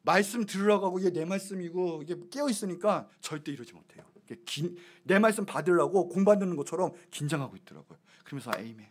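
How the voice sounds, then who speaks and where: A male pastor preaching a lively sermon in a church, swinging between loud exclamations and hushed asides. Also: high voice, fast talker, hardly any pauses. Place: church sanctuary.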